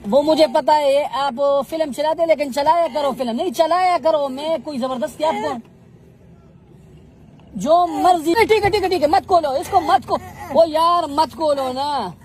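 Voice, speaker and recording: A man's voice: very high-pitched, normal speed, darkish tone. A man confronting someone on the street, swinging between pleading and scolding. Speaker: street questioner confronting a beggar.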